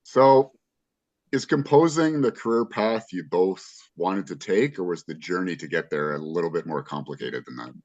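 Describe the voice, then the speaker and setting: A man's voice: low-pitched, lively intonation, normal speed, darkish tone. A man interviewing two composers, asking brief, polite questions. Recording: dull lo-fi audio.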